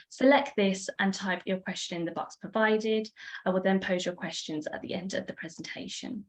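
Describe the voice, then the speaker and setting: A woman hosting a business webinar, reading a formal welcome and housekeeping notes clearly. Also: medium pitch. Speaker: webinar host.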